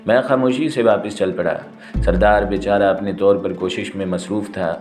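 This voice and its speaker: A man narrating a spy novel in the first person, in a steady, dramatic storytelling manner. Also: fairly low pitch, faint music behind.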